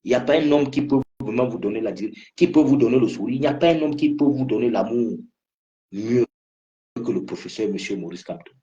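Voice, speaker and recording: A political activist from Cameroon delivers an impassioned address, fervently hammering the same phrases again and again. His mid-range voice is brisk and dark-toned with lively intonation, heard through a muffled lo-fi recording.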